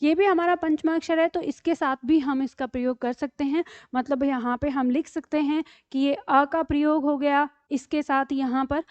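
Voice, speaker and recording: A woman's voice: high voice, fairly even intonation, moderate pace, hardly any pauses, darkish tone, no room sound, lo-fi sound. A woman teaching the Hindi syllable chart in an online lesson, patiently reciting each syllable and checking in with learners. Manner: patient, repeats each syllable twice, frequent "theek hai".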